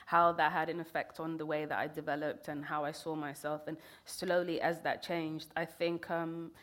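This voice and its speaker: A woman's voice: low voice, flat delivery, moderate pace, fairly bright tone. A woman, a poet talking reflectively in an interview. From England. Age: 30s. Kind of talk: conversational interview.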